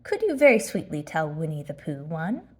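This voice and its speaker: A woman's voice: sits low, big pitch swings, moderate pace, darkish tone, husky, voice pushed down, exaggerated voice. A woman voicing a curious, polite little boy in a children's storybook, asking questions eagerly. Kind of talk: children's storybook character reading.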